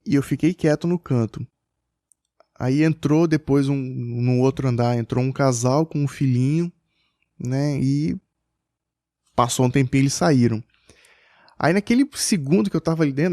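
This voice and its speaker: A man's voice: mid-range voice, warm tone, dry recording, studio quality. A man tells a personal story as a father in a casual podcast chat, hesitant and full of restarts.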